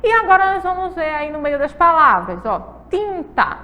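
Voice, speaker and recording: High-voiced woman teaching small children. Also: sing-song, big-room sound, muffled recording. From Brazil. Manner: slow, coaxing, asks kids questions and repeats words. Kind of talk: televised lesson for young children.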